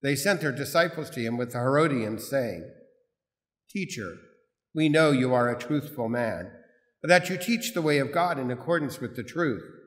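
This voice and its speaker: A man, a priest, reading the gospel and preaching in a measured, formal way, his voice carrying a cathedral echo in a large church. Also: mid-range voice, expressive. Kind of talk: proclaiming the gospel and preaching a homily. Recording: long echoey hall reverb from a big church.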